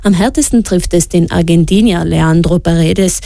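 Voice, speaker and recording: A woman reading the radio news in a steady, measured way. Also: fairly low pitch, gravelly, no room sound, studio quality. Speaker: news presenter. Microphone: studio microphone.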